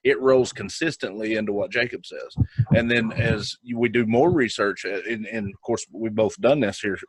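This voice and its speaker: A man's voice: fairly low pitch, moderate pace, a little hiss or hum, low-quality recording. A man co-hosting a podcast interview, talking in a casual, rambling way. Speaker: co-host.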